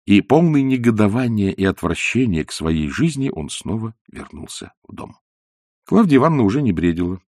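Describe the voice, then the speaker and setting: A man narrating a literary novel as an audiobook, in a lively, theatrical storytelling manner. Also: fairly low pitch, moderate pace, dry recording, studio quality.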